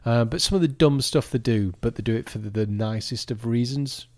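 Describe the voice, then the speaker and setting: Casting note: male co-host, rambling casual chat, mid pitch, dry close mic. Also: fairly quick, darkish tone, no room sound. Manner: rambling, chatty, self-interrupting. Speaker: podcast co-host.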